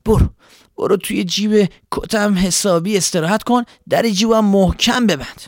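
A kind, patient old scarecrow from a children's story, played by a man. He talks softly and reassuringly, a bit higher than usual. The sound is close and dry. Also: no room sound. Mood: caring. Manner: soft, reassuring. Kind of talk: storybook voice acting.

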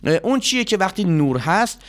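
A man's voice: sits high, big pitch swings. A man hosting a children's quiz show, patient and polite but flustered by his contestants. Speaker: quiz host.

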